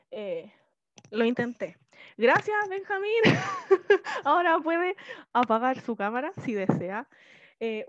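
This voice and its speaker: A woman teacher with a Chilean accent and a shrill voice, giving a lively online class and often checking in with her students. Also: no room sound. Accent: Chilean Spanish. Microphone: video call. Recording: slightly muffled video-call audio.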